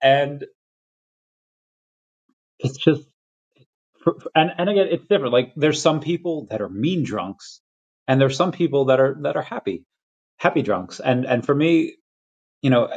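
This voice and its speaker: A young man from Peru hosting a casual livestream chat, rambling and restarting his sentences, with quick laughs between thoughts. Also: mid-range voice, darkish tone, breathy edge. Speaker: crypto livestream host. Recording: lo-fi dull audio.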